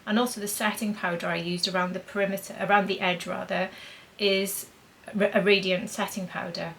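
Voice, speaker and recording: A woman's voice: mid-range voice, little pitch movement, brisk, vocal fry, fairly bright tone, a little hiss or hum, poor audio. A woman demonstrating makeup in a chatty vlog, thinking aloud as she applies blush and powder. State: talking with a mint in her mouth. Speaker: beauty vlogger.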